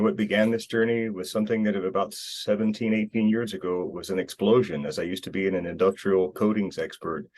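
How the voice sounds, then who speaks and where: A man's voice: sits low, darkish tone. A man from the United States, talking earnestly as an interview guest, rambling with many restarts. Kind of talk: casual interview talk. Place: Costa Rica.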